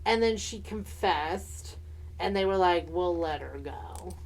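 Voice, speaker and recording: A woman's voice: fairly low pitch, slow, darkish tone, low-quality recording. A woman co-hosting a podcast, telling stories in a casual comedic way with sassy, campy slang and playful swearing. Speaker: podcast co-host. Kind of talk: casual comedic storytelling mixing read narration and chat.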